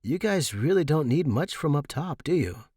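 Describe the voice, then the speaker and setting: A shy, easygoing young man who speaks gently and reassures, played by the narrator. The voice sits a little above the narrator's own, close and dry. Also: on the high side, very animated, moderate pace, slightly rough, no echo, voice pushed up. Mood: curious.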